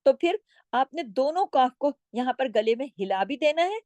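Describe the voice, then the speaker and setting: A woman teaching Quran recitation rules. She explains patiently, stretches each example word out slowly, and often checks in with her listeners. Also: high-pitched, sing-song, a little mellow, dry recording, lo-fi sound. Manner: draws out words slowly when demonstrating. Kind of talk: recitation lesson with slow demonstrations.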